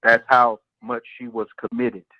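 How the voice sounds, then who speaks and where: A man's voice: medium pitch, completely flat delivery, a little slow, sharp tone, no room sound. A man speaking earnestly and personally as a panelist on a radio show. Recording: muffled, dry radio feed.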